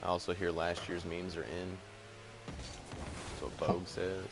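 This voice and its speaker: Wisecracking low-voiced man over background noise. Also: level tone, normal speed. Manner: dry, joking quips. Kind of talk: casual chat while playing.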